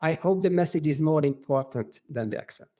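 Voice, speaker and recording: A middle-aged man speaks English with a strong Hungarian accent, his native tongue. His voice sits a little high for a man. He talks earnestly and sometimes haltingly as a podcast guest. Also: warm tone. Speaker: podcast guest, qigong instructor.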